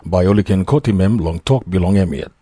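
A man's voice: sits low, brisk, mellow, husky, no echo. A man with a Papua New Guinean accent narrating scripture from a script.

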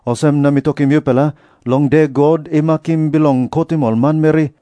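A man with a Papua New Guinean accent playing an earnest prophet who preaches deliberately in a dramatised scripture reading. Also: a little high, steady tone, warm tone, no echo, natural voice. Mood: stern warning. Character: Jesus, earnest preaching prophet addressing crowds.

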